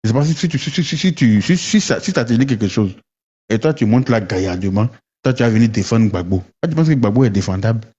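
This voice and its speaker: Ranting hotly about politics to his audience, this Ivorian online commentator stammers, repeats himself, and poses rhetorical questions. He speaks quickly and animatedly in a lowish, warm voice with a breathy edge, on lo-fi audio.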